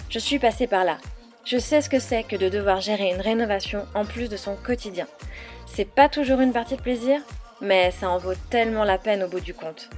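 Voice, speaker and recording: A woman who is an interior architect hosts a home renovation podcast. She opens with a lively scripted introduction before settling into relaxed interview chat, speaking at a medium pitch.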